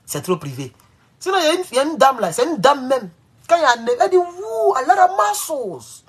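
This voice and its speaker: A man talking to viewers in a casual live-stream monologue. He rambles and swings between loud, high outbursts and low mutters. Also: huge pitch swings, fast talker, husky.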